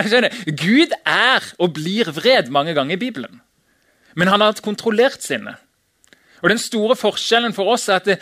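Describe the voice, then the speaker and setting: A man delivers a casual, conversational sermon in a high, bright voice. He keeps it light, chuckling and acting out the lines he quotes. The sound is dry, with no room echo. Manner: casual, chatty, laughs often, acts out shouted quotes. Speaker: preacher. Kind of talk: informal sermon.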